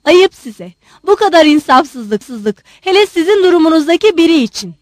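Woman voicing a distressed mother, reproachful, high-pitched, dry. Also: big pitch swings, moderate pace, fairly bright tone, dry recording.

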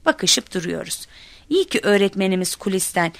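A woman telling a comic first-person story in expressive narration, acting out shouts and cries. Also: medium pitch, moderate pace, gravelly, no echo. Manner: lively, acts out quoted shouts.

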